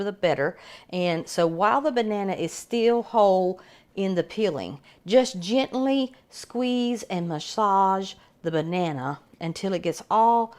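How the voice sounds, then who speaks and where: A woman's voice: lowish voice, a little mellow. A middle-aged woman casually demonstrating a bread machine recipe at home, chatty and rambling with frequent restarts.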